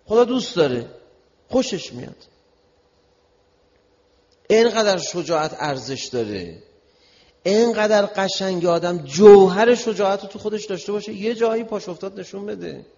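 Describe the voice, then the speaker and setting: A man preaching a sermon and telling a personal story in a lively way, at times acting out raised voices. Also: high voice, long pauses. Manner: lively storytelling, acts out shouting. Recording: dull sound with long hall reverb.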